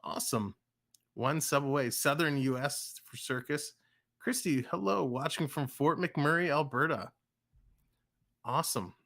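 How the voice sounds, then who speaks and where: With a slightly high, unhurried voice marked by vocal fry and a bit of brightness, this man hosts a livestream. He's from the Toronto area and has a Canadian accent, giving casual play-by-play, chatting with viewers, reading chat aloud and laughing easily.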